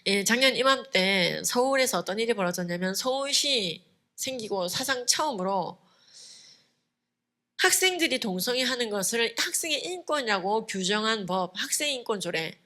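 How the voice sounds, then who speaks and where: A woman lecturing at a church conference, emphatic and lively, telling stories and punctuating her points with quick asides. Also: a little high.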